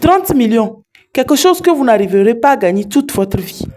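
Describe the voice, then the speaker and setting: A woman's voice: fairly high pitch, very animated, normal speed, darkish tone. A woman voicing a scheming rich man who boasts and tries to buy his way out. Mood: boastful. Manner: boastful, pressing.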